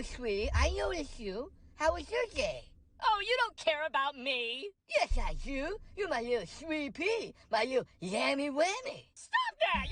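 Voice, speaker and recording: A woman's voice: sits high, a bit bright, no room sound, full character voice. A woman playing spiteful, squabbling members of a cartoonish family in a comedy skit.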